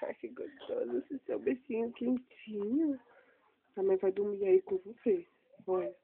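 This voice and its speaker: High-pitched cooing Brazilian mother. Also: sing-song, a little slow, vocal fry, breathy edge. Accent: Brazilian Portuguese. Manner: singsong, cooing and repetitive. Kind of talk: baby talk during peekaboo play. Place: home at night. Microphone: phone held close. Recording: tinny phone recording.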